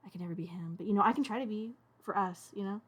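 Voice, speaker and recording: A woman's voice: medium pitch, rapid-fire, lo-fi sound. A young woman streaming as she animates a puppet, chatting casually and muttering to herself as she works. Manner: rambling, talks to herself and chat, mutters. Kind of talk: casual live-stream chat while animating.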